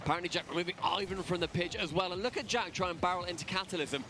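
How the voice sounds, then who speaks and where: A man calling live esports play-by-play with energetic, quick play-calling and joking banter. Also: high-pitched. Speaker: esports caster. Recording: broadcast feed with noisy background.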